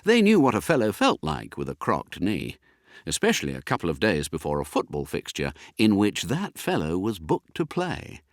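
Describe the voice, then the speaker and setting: A man reads a school story aloud with great animation, his pitch ranging widely. The recording is dry and close, with no room sound. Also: normal speed, dry recording. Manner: lively, characterful reading. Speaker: audiobook narrator. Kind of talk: scripted narration.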